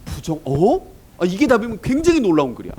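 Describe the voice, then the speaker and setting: A man's voice: high-pitched, huge pitch swings, fast, dark tone, breathy edge, poor audio. A man teaching an English exam-prep lecture in Korean, asking his students rhetorical questions as he goes.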